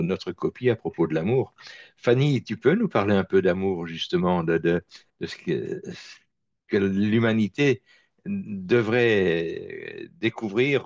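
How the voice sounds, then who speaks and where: A man hosting and moderating a panel discussion, speaking in a measured, reflective way and pausing to search for words. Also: sits low, creaky, a little mellow, dry recording, highs cut off.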